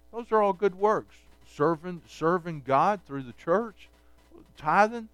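A male pastor teaching a Bible study in a relaxed, conversational preaching style, pausing often to check in with his listeners. His voice sits a little high and sounds smooth and resonant. The recording is dry, with little room sound. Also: dry recording. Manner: conversational preaching with frequent checks like okay and all right.

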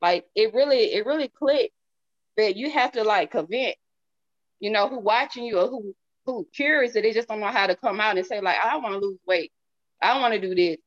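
In dull, lo-fi audio, a Southern-accented product seller from the southern US gives a casual testimonial as an interview guest. Her voice is a little high at a normal speed, and she talks candidly and folksily, repeating phrases to stress them.

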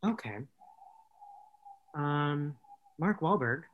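Rambling woman co-host, mid-pitched. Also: expressive, very slow, narrow, tinny audio. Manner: rambling, self-correcting, laughs easily. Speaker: podcast co-host. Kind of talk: casual chat.

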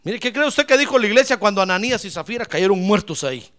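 A pastor preaching a sermon in a church, calling listeners brother and rising to shouts from a distance. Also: male voice, high-pitched, animated, fast.

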